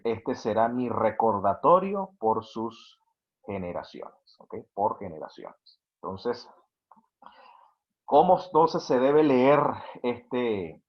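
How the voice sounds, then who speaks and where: Slow, hesitant man lecturing from slides. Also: on the low side, breathy edge, muffled recording. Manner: checks in with frequent "¿ok?" asides; hesitant, with many "eh" fillers and restarts. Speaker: lecturer on Hebrew philology.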